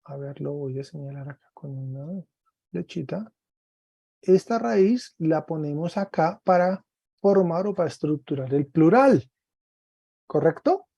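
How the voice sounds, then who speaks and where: Slow, mellow-voiced man teaching an online class. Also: on the high side, lively intonation, vocal fry, slightly rough, dry recording. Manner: patient, encouraging, drills word forms slowly. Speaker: Greek teacher.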